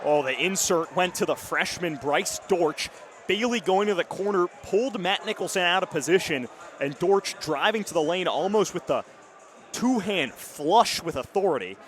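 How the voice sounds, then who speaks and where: A young man in his early twenties provides live radio play-by-play of a basketball game, speaking in clipped, punchy phrases with a high, expressive voice at normal speed. He is courtside, and the loud arena crowd and bouncing ball can be heard throughout.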